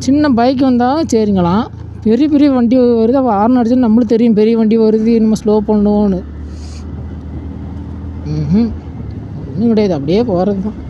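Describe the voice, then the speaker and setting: A man's voice: high voice, normal speed, long pauses, slight background noise. Chatty Tamil-accented man, muffled outdoor recording. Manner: chatty, addresses viewers politely. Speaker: travel vlogger. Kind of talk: casual ride commentary. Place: outdoors on a hill road.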